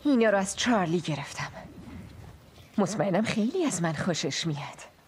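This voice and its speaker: A woman's voice: mid-range voice, very animated, slight background noise, close to an everyday voice. A woman acting as a wry survivor in a remote refuge, talking conversationally in a dubbed film drama. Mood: wry, casual.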